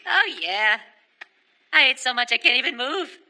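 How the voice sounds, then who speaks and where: A man playing an excitable, grumbling teenage schoolboy in an English anime dub, theatrical and exasperated. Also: very high voice, moderate pace, soft background music, heavily acted. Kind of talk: English-dubbed anime acting.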